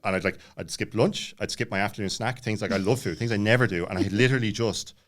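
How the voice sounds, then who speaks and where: A podcast guest in his late thirties speaks quickly in a lowish, fairly bright voice. He tells a personal story casually, rambling and jumping around with lots of filler words.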